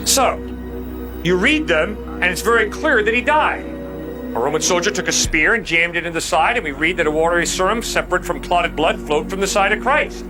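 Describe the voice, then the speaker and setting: Music plays clearly behind a high-voiced man in a rough recording as he debates like a fired-up street apologist in the open air. He's animated and talks at normal speed, emphatic and colloquial, leaning heavily on rhetorical questions.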